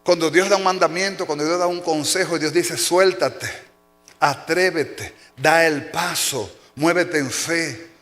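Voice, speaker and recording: A man preaching a sermon as pastor, telling stories with acted-out cries and shouts. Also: fairly high pitch, unhurried, few pauses. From Dominican Republic. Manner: animated storytelling, acting out shouts and cries. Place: church sanctuary. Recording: long hall reverb.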